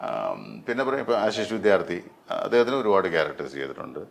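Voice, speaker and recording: A middle-aged man, a dubbing artist, talking in an interview with many pauses and fillers. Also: low voice, big pitch swings, creaky. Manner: hesitant, many fillers and restarts. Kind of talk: interview conversation.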